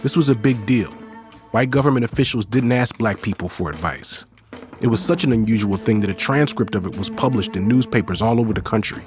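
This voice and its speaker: A man's voice: fairly low pitch, a little fast, darkish tone, faint music behind. A man co-hosting a podcast, reading scripted narration about history.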